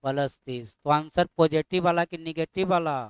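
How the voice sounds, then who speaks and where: A middle-aged man teaching a math class, firing constant questions at his students and scolding them mildly when they are slow. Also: a little high, smooth, no room sound.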